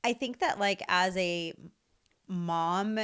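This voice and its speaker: A woman's voice: on the low side, slow pace, fairly bright tone, clean tone. A woman in her thirties co-hosting a podcast with her husband, chatty and casually swearing. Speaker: podcast co-host, mother.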